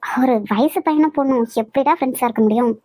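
A woman's voice: high voice, quick pace, darkish tone, dry recording. A woman voicing a spirited young woman in a cartoon, with a Kanyakumari Tamil accent. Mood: teasing. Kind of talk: cartoon voice acting.

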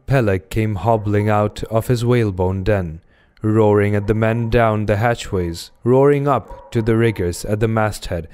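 A man reading a classic novel aloud as audiobook narration in a measured, even manner. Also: on the low side, slight background noise. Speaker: reader.

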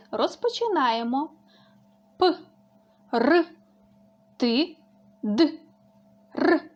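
A woman speech therapist leading a lesson with slow, clearly articulated sound drills. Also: fairly high pitch, dull audio.

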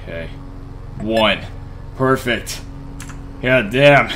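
A man's voice: lowish voice, expressive, extremely slow, a bit bright, slight background noise. A man giving horror game commentary who swears and talks to the monsters. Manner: jumpy, swears and yelps at scares. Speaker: gaming YouTuber.

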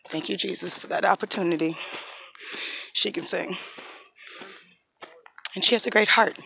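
A woman's voice: lowish voice, pushed and bright, slight background noise. A woman in her thirties vlogging on a phone held at arm's length while walking uphill on an outdoor park trail, reflective and devout, close to tears and a little out of breath. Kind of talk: casual walking vlog.

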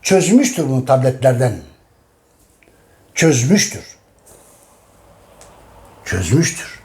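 A man's voice: mid-range voice, sing-song, takes it slowly, a little mellow. A middle-aged man talking casually to his audience, emphatic and repeating each phrase. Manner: addresses his audience directly. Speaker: host. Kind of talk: casual talk.

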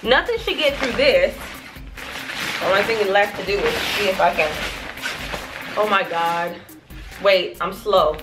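A woman in her thirties, a family vlogger chatting casually to her viewers in a product review, animated and calling them y'all. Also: medium pitch, unhurried, pauses often, music in the background. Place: small room in front of a plain wall. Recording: echoey room.

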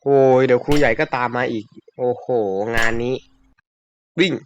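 A man giving casual, excitable commentary while he plays a video game, with frequent yelps. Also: medium pitch, moderate pace, slight background noise. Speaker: gamer.

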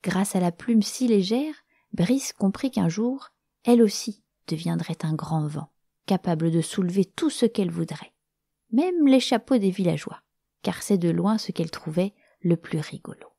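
A woman storyteller narrating a children's story in a gentle, expressive way, sometimes dropping to a whisper. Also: fairly low pitch, moderate pace, gravelly, breathy edge, no room sound, clean studio sound.

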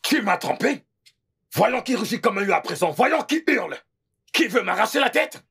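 A self-pitying husband in a dubbed film, gravelly and raspy, his pitch swooping all over as he rants. He is sarcastic, bitter and theatrical. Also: very animated, moderate pace, fairly bright tone, heavily acted. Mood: bitter ranting. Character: exasperated sarcastic husband, middle-aged man.

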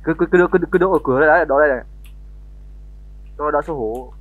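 A man talks fast and jokily over a tinny, phone-like voice-chat line. The sound is dry and close, with no room around it. His pitch sits a little high, and he rattles off repeated words. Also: no room sound. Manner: rapid, joking, repeats words. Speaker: fellow roleplay player. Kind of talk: casual in-game voice chat.

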